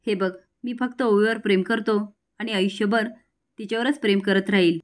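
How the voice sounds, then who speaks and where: A woman's voice: medium pitch, fairly even intonation, moderate pace, close to an everyday voice. A woman voicing a guilt-ridden young man who turns angry, reading his lines earnestly in a storybook retelling.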